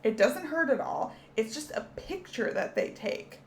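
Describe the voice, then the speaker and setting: A woman's voice: high-pitched, animated, measured pace, a little hiss or hum. A woman teaching a children's alphabet lesson, cheerful and encouraging as she speaks to young kids.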